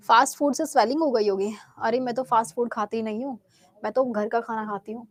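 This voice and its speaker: Recorded dry, a woman whose voice sits on the high side teaches a live exam-prep quiz class in a Bihari Hindi accent. She's talkative and answers her own questions, clearing her sore throat often.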